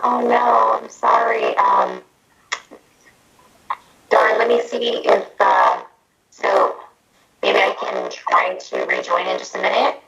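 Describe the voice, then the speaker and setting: A woman's voice: rumbling low, big pitch swings, slow, gravelly, pauses often, a bit bright. Woman sounding like she's talking into a trash can. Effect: muffled and echoey, like talking into a trash can. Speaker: utility company presenter. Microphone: video call. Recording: muffled lo-fi video call audio.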